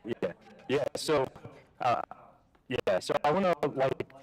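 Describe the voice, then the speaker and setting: A man from Jamaica, Queens, New York, an adult with a daughter, tells a personal story at a live conference. His medium-pitched voice is animated and slow, packed with fillers, restarts and swearing, and the recording is rough.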